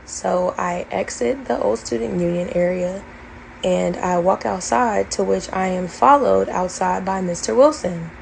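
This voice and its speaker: A young woman tells her story straight to camera in a personal vlog, speaking earnestly and in detail. Her mid-range voice carries a steady creaky fry. She leans on fillers as she works through each step. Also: medium pitch, unhurried, a little hiss or hum, rough recording. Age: young adult. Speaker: former college band member telling her story.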